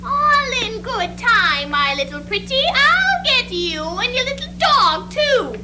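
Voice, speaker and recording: A woman's voice: very high-pitched, big pitch swings, slow pace, very noisy, full character voice. A woman playing a menacing, gloating wicked witch in a theatrical stage parody. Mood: gloating menace. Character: menacing cackly wicked witch threatening a girl. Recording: stage recording, very loud music.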